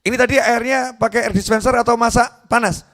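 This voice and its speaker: A man preaching who puts on a short-tempered, demanding husband scolding his wife, pitched up and loud. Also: steady tone, fairly quick. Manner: barking, scolding.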